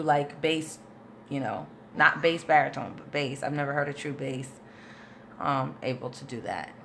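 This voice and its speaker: Here a woman's low, sharp voice carries a bit of hiss or hum. She's a vocal coach on a casual livestream, taking viewer questions and giving patient, step-by-step answers full of chatty fillers.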